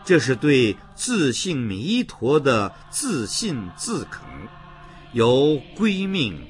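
A man giving slow, measured scripted narration about Buddhist chanting in a solemn manner. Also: medium pitch, very animated. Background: music.

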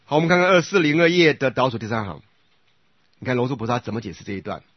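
A man with a husky, somewhat breathy voice leads a lecture on Buddhist scripture. He chants repeated sutra phrases in a measured rhythm and keeps turning to the class to ask whether they follow. The sound is dry and a little muffled, like a modest lo-fi recording. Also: medium pitch, lively intonation, dry recording. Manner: often checks with listeners by asking "right?"; recites sutra phrases in slow repeated cadence. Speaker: Buddhist dharma teacher.

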